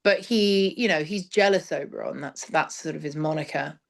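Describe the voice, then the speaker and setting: Her voice sits low and creaky, moving at a normal speed. She is a theatre director chatting casually in an interview about stage work, reflective and roundabout, with phrases that trail as she explains.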